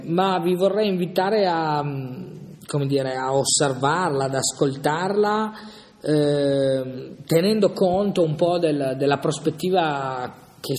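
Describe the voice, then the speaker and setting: A man's voice: a little high, darkish tone. A man leading an informal Bible lesson, thinking aloud and often checking in with a questioning "no?". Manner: hesitant, thinking aloud, frequent "no?" asides. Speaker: Bible study leader. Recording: long reverb in a hall.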